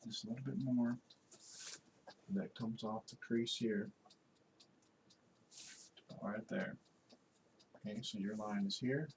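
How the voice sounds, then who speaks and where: A man teaching a drawing lesson, relaxed and instructive, talking as he works and pointing out each line. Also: on the low side, slight background noise. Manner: relaxed, instructive, talks while working with frequent pointing words. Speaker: art instructor. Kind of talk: drawing tutorial walkthrough.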